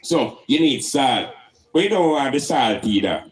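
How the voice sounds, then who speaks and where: A man's voice: medium pitch, lively intonation, a little slow. A man with a Jamaican accent speaking in Rastafarian style, preaching and teaching emphatically with rhetorical questions and Rastafari idioms.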